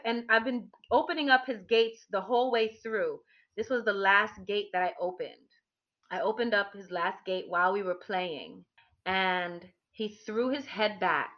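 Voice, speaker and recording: Woman, higher voice, candid animated storyteller, dull lo-fi recording. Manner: candid, animated, frequent restarts and fillers. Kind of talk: personal storytelling to an audience.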